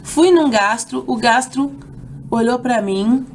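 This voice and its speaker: A young adult Brazilian woman vlogger telling a personal story in a casual, animated way, jumping higher when quoting herself. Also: slow, slight background noise. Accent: Brazilian Portuguese. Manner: animated, acts out quoted lines with raised pitch.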